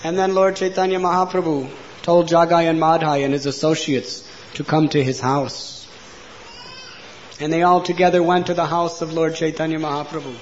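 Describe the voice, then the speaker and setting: A man telling a devotional story as a sermon, earnest, with loud emphasis that drops to hushed phrase endings. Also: fairly high pitch, level tone, moderate pace. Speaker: preacher. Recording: dull lo-fi recording with faint noise.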